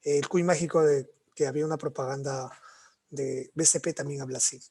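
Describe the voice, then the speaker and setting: Man, fairly high husky voice, literature teacher, repeats points, checks in with "ok?". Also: steady tone, brisk, dark tone. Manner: repetitive, explanatory, keeps checking with "¿ok?" and "¿no?". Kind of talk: online class lecture.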